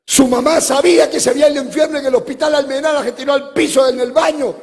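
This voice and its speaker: Pastor guy preaching live, high gravelly voice, lots of church echo. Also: steady tone, fast. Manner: impassioned storytelling preacher, bursts into shouts. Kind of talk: sermon. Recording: long hall reverb from live church.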